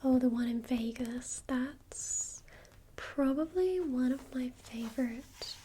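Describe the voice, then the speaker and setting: A woman playing a helpful librarian in a whispered role-play, speaking in a soft, breathy, gentle library whisper. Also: high-pitched, slow, exaggerated voice. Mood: gentle, hushed. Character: helpful female librarian recommending books. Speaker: ASMR performer.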